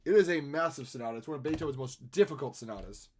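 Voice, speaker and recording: A man's voice: medium pitch, lively intonation, fast, darkish tone, slightly rough. A man chatting casually on a live stream as he draws, self-deprecating and given to humming melodies. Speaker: streamer and artist. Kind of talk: casual live-stream chat while drawing.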